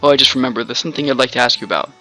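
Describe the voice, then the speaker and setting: A man's voice: medium pitch, racing, pushed and bright, close to an everyday voice. A man reading the lines of a chatty male tutorial guide in a video game, explaining controls cheerfully.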